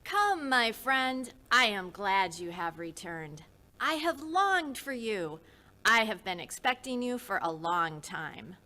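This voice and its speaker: A fervent, devout old man presses his case in a slow, earnest, preacherly cadence, as a woman puts him on. The voice is bright and drawn out, each plea lingering. He is set in a dramatized history story. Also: mid-range voice, sing-song, heavily acted. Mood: welcoming. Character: fervent devout older male host, insistent. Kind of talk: storytelling reenactment.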